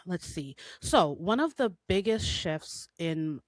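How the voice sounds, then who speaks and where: A woman's voice: fairly low pitch, sing-song, slow pace, dry recording. A woman in her thirties hosting a solo podcast in a chatty, informal way, sounding a little congested from a cold, with frequent ums and likes. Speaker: podcast host and health coach. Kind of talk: casual solo podcast talk.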